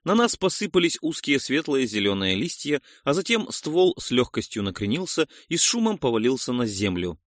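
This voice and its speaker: A man reading an action audiobook in the first person with expressive narration. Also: medium pitch, normal speed, few pauses, no echo, studio quality.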